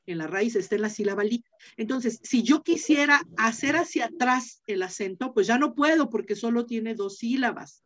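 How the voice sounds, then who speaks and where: A woman's voice: fairly high pitch, lively intonation, normal speed, fairly bright tone. A woman teacher giving an online class, explaining step by step, repeating key points and checking in with her students.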